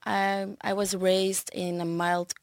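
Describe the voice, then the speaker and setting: Woman, thirties, gravelly fry in her voice, dry close sound, friendly podcast guest, laughs easily. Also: mid-range voice, little pitch movement, takes it slowly, dry recording. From Belgium. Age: 30s. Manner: friendly, laughs often, loose with many fillers. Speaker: podcast guest, yoga teacher. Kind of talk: casual interview chat.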